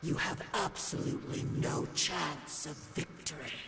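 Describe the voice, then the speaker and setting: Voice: medium pitch, measured pace, very noisy, close to an everyday voice. An actor voicing an ominous, collective alien hive mind that speaks coldly and commandingly as "we". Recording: echoey distant voice under loud game music.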